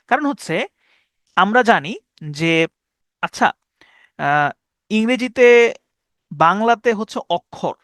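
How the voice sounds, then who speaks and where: A man teaching English grammar in an online class, reading example sentences slowly and checking that students follow. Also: sits high, a bit bright, no room sound, studio quality. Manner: explains step by step, reads example sentences slowly, asks "ঠিক আছে?". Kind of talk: online lecture. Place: online class over Meet and Zoom.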